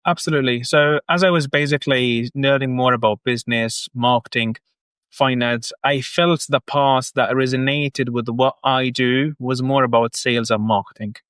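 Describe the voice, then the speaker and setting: A man's voice: mid-range voice, fairly even intonation, normal speed, fairly bright tone, clean tone, dry recording. A man from Egypt in his thirties, a guest on a business podcast, explaining his work earnestly step by step. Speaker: guest, marketing agency founder. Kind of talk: casual podcast interview.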